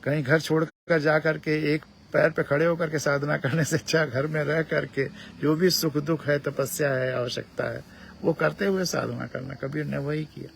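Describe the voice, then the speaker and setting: A man delivers a calm spiritual discourse in a gravelly, slightly high voice. He speaks in measured phrases and restates key words again and again for emphasis. A faint hiss sits beneath his voice.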